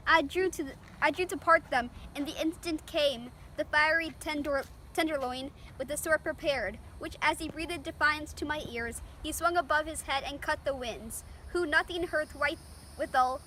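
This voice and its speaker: High, bright female-voiced earnest young peacekeeper. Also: normal speed, poor audio. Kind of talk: amateur school Shakespeare parody. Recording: faint background noise.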